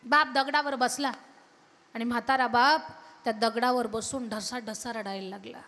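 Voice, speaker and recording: A woman's voice: fairly high pitch, steady tone, normal speed, a bit bright. A woman kirtan preacher telling a devotional story with emphatic, rhythmic strings of phrases, at a live event in a large temple hall. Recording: long hall reverb from a PA.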